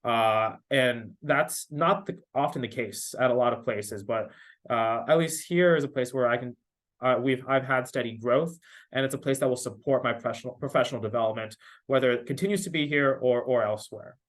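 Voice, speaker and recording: A man with an average-pitched voice talks as a panelist. He explains things in a measured, informal way, often pausing on an uh before he carries on. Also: fairly bright tone. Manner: halting, measured, frequent uh pauses. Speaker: panelist, research institute manager. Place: online video panel.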